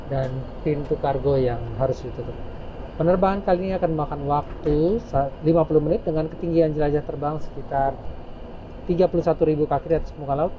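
A man who is an airline captain, making a polite, formal passenger announcement into a headset mic in the cockpit. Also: a little high. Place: aircraft cockpit. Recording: muffled sound with loud engine hum.

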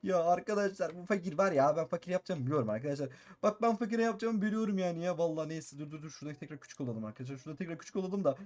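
A man excitedly narrating his Minecraft role-play, repeating each phrase and calling out to his viewers. His voice is high and he rattles along at a quick clip. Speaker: gaming YouTuber.

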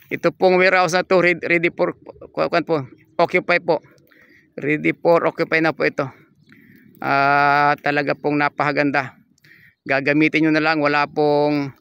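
A man gives an upbeat, polite walking tour of a property outdoors. His voice sits a little high, with a bright, gravelly edge. Faint open-air noise runs under the recording. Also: no room sound. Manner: polite, repetitive, upbeat salesman patter. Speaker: real estate agent giving a property tour. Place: outdoors on a large fenced lot.

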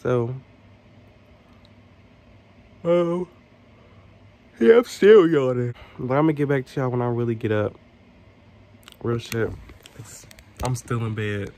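A man's voice: mid-range voice, normal speed, pauses often, darkish tone, slight background noise. Laid-back young man vlogging. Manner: laid-back and slangy, talking straight to viewers. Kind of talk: casual vlog chat to camera.

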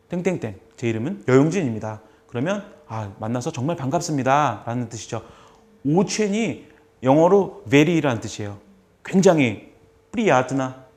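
A man teaching a class, patiently repeating short phrases slowly so students can copy them. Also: medium pitch, a little mellow. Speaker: language instructor. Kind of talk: classroom lesson.

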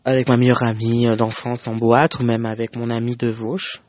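A man's voice: mid-range voice, level tone, moderate pace, a little mellow. A young man telling a personal story in an emotional, conversational way, with many fillers and restarts. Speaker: vlogger.

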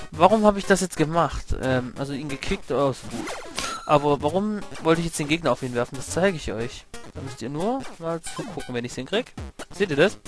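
An excitable young man narrates his gameplay in a casual, chatty way, swearing when things go wrong and explaining tricks to his viewers. His voice sits a little high. Game music plays clearly behind him. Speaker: let's play commentator. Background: video game music.

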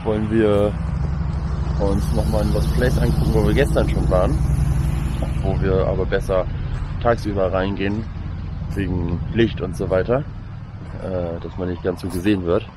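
A man with a fairly low voice talks to his handheld camera as a vlog host. He is casual and a little hesitant, rambling loosely, with noticeable car and outdoor noise around him. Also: little pitch movement, normal speed, pauses often. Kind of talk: casual exploration vlog chat. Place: parked or moving car, roadside outdoors. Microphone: handheld camera at arm's length. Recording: noisy car and outdoor sound.

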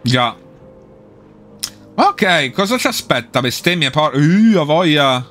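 A man's voice: fairly high pitch, big pitch swings, slow, a bit bright, faint music behind. A man giving casual let's play commentary, swearing and talking back at the enemies he fights. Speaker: gameplay streamer.

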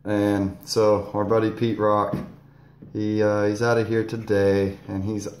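Young man, 20s, casual vlog co-host; laid-back and jokey, dark mellow voice; phone at arm's length in an echoey greenhouse. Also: lowish voice, little pitch movement, measured pace, slight background noise. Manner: laid-back, jokey, laughs between lines. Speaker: vlog co-host, farm intern. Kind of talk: casual chat. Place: large dome greenhouse, indoors. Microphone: phone camera at arm's length.

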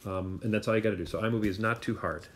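A man with a fairly low voice talks through a screen-recorded tutorial. He explains each step casually, thinking aloud and dropping in fillers and quick asides. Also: steady tone, a little hiss or hum.

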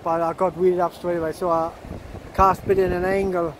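High-voiced man on a windy beach. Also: little pitch movement, fairly quick. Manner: chatty, laughs often, repeats words. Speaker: fishing vlogger. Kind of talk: casual outdoor vlog commentary. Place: open sandy beach by the surf. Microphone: handheld camera close to face. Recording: wind and surf noise.

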